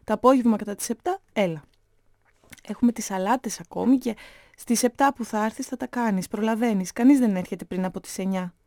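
A woman's voice: mid-range voice, a little mellow, no room sound, natural voice. A woman reading a story, voicing an anxious, stubborn mother who pleads and answers curtly. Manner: pleading, then curt and clipped.

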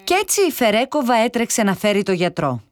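A woman narrating a fairy tale for children in a lively storytelling manner. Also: fairly high pitch, music in the background.

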